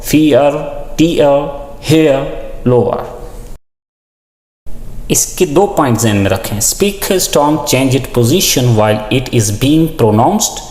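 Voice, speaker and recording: A man teaching a lesson with on-screen examples, deliberately listing and repeating example words. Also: mid-range voice, darkish tone. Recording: echoey, reverberant room.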